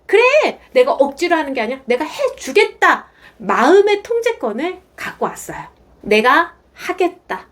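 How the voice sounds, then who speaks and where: A woman's voice: high-pitched, normal speed. A middle-aged woman lecturer giving a motivational talk to camera, acting out the voices of the people she quotes. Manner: animated, acts out quoted voices.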